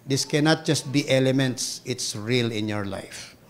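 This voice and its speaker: A Filipino man preaching a sermon with big swings between loud exclamations and hushed asides. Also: mid-range voice, a little slow. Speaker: pastor.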